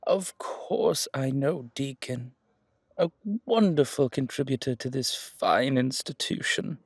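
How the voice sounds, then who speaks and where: A man acts as a genteel, gushing museum curator in a roleplay audio drama, flirtatious and full of flattery, hesitating and repeating words as he goes. The husky, creaky voice is medium in pitch, recorded dry with clean studio sound. His mood is flattering yet discreet.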